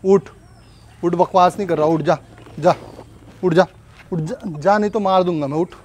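High-voiced man angrily scolding. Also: normal speed, a little mellow, a little hiss or hum. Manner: scolding, angry, threatening. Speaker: prankster husband. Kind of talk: staged angry argument.

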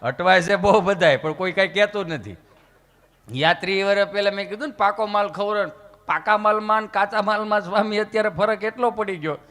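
A man's voice: high voice, fairly quick, fairly bright tone, big-room sound. A man telling folksy comic stories on stage, acting out characters as he goes. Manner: folksy, voices characters in anecdotes. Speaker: comedian. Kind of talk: comic storytelling to a live audience.

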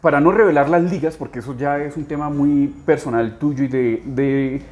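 A man's voice: fairly high pitch, normal speed, a little mellow, dull audio. A Colombian man hosting an interview, asking long, thoughtful, winding questions in a conversational way. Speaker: host.

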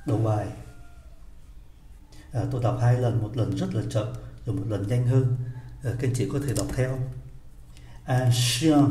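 A man teaching French vocabulary to learners, repeating each word slowly and explaining how it is spelled and pronounced. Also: fairly low pitch, mellow, a little hiss or hum. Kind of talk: slow vocabulary drill lesson. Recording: echoey room.

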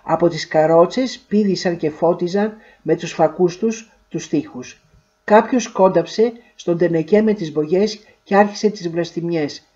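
A woman narrating a literary short story in a measured, expressive way. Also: on the low side, muffled recording.

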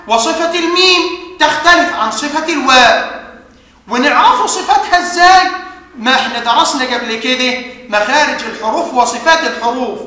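A male university lecturer with an Egyptian accent, explaining step by step and slowing down to spell out words. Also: extremely high pitch, sharp tone. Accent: Egyptian Arabic. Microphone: studio lecture recording. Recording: echoey hall reverb.

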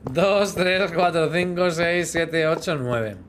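Speaking slowly in a fairly high, somewhat bright voice, a Spanish man in his thirties, with an accent from Spain, chats casually and jokes with his stream viewers. He hums sound effects during gameplay. He's using a headset in a small room, with slight background noise.

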